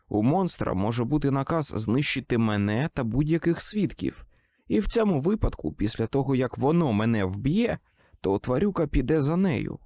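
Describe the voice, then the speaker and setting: Brief: male audiobook narrator, dramatic, lively pitch, dry close mic. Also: no echo. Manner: expressive, dramatic storytelling. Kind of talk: first-person audiobook narration.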